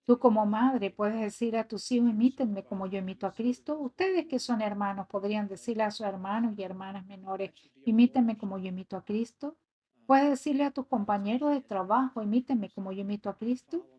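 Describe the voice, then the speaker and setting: A woman's voice: medium pitch, a little fast, husky, muffled recording. A woman giving an earnest voice-over translation of a sermon, reading scripture passages aloud. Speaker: sermon interpreter.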